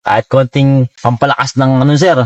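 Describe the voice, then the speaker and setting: A man's voice: medium pitch, fairly even intonation, brisk, a little mellow, lo-fi sound. A man driving and talking casually with a passenger, polite and reassuring, addressing him as sir again and again. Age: adult with school-age children. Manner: polite, reassuring, calls the listener sir constantly. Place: inside a car on a trip.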